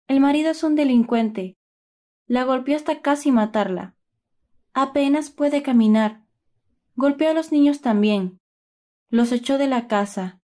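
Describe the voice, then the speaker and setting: A woman's voice: high-pitched, mellow. A woman voicing a worried young mother of newborn triplets, speaking earnestly and anxiously in a storybook tale.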